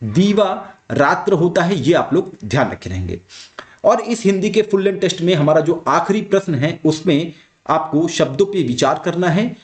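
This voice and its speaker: A man's voice: a little high, lively intonation, moderate pace. A man teaching spelling for an exam, who asks a question and then repeats the answer himself, with some hesitant fillers as he explains. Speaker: Hindi exam tutor. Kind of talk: exam practice lesson.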